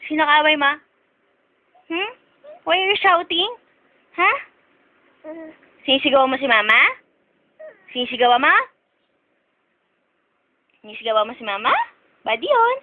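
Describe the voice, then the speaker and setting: Woman, pet owner; repetitive, mock-stern baby talk to a cat; high voice; lo-fi home video audio. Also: unhurried, long pauses.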